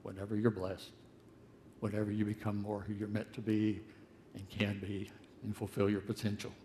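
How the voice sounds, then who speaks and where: An older man preaching a sermon in a conversational, earnest way, his voice swelling to loud, emphatic peaks. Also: on the low side, monotone, normal speed, slight background noise.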